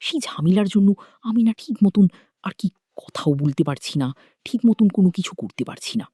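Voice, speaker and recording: A woman voicing an evasive grown son who apologizes in a lowered voice. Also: animated, normal speed, warm tone, breathy edge, dry recording, clean studio sound. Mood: apologetic. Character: distracted young adult son, evasive.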